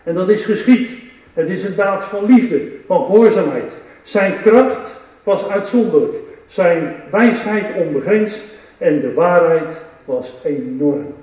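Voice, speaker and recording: A man's voice: fairly high pitch, slow, darkish tone, very echoey, distant mic, dull audio. A man preaching an earnest, reflective sermon who reads scripture aloud.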